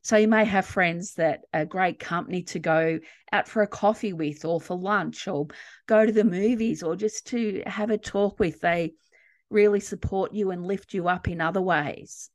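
A woman's voice: lowish voice, moderate pace, no room sound, clean studio sound. A woman co-hosting a podcast, talking earnestly and reflectively about friendship and loss. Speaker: podcast co-host. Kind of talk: casual grief podcast chat.

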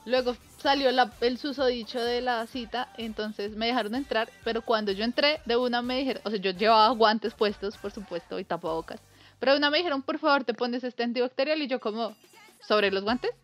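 Animated woman telling a story. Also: on the high side, a little fast, faint music behind. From Colombia. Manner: animated, acts out quoted voices, laughs often. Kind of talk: casual anecdote.

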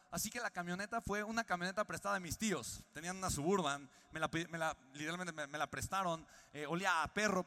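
A young Mexican man with a Mexican Spanish accent, a podcast host telling a personal story and acting out the voices of the people in it. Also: sits high. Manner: animated storyteller, acts out quoted voices. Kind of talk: storytelling monologue. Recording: long reverb on the voice.

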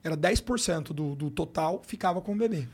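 A man's voice: a little high, lively intonation, fairly quick, a little mellow, husky. A middle-aged man with a Brazilian Portuguese accent telling an emotional personal story in casual slangy chat as a podcast guest. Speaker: sports coach, podcast guest.

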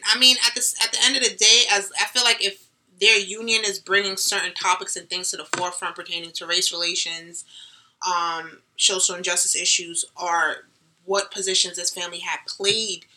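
A young woman co-hosting a casual chat show, animated and slangy, laughing often. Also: on the low side, rough recording. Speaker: podcast co-host.

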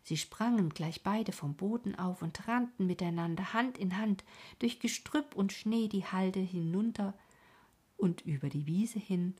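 A woman narrating a children's storybook in a calm, gentle way, often sinking into a half-whisper. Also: mid-range voice, a little slow, breathy edge. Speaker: audiobook narrator.

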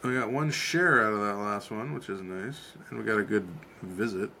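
A man's voice: lowish voice, normal speed, sharp tone, a little hiss or hum. A man co-hosting a casual live stream, chatting and joking in a rambling way with frequent restarts. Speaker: co-host.

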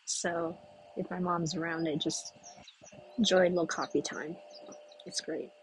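Fairly even intonation marks this medium-pitched voice, captured in a low-quality recording with slight background noise. A podcast host who grew up in the United States rambles solo in a breezy outdoor spot where people walk by, chatty and pausing to think.

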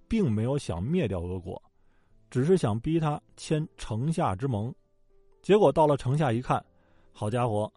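Lively joking male history storyteller. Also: mid-range voice, dry recording. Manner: colloquial and joking, with acted quotes. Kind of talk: casual storytelling lecture. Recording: dry close mic with faint background music.

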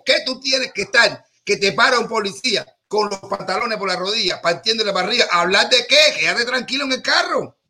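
A man holds forth in a rambling, joking talk-show monologue. His voice sits high and rings very bright and forward. He stumbles, repeats himself and restarts, then drives the point home.

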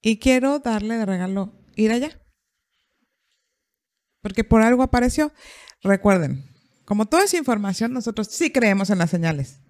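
A woman's voice: mid-range voice, expressive, normal speed, long pauses, darkish tone, no room sound, clean studio sound. A woman, a therapist hosting a podcast, telling a story in conversation and acting out the quoted dialogue.

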